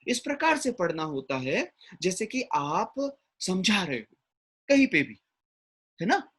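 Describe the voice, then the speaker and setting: A man's voice: sits high, very animated, takes it slowly, a bit bright, husky. A man giving a classroom lecture as an English teacher, often checking in with his listeners. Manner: mixes English words into explanation, frequent "ठीक है ना?" check-ins.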